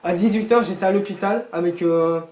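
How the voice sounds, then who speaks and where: A teenage boy casually telling a storytime vlog, rambling and animated with joking asides to viewers. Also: sits high, brisk. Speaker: storyteller vlogger. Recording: echoey room.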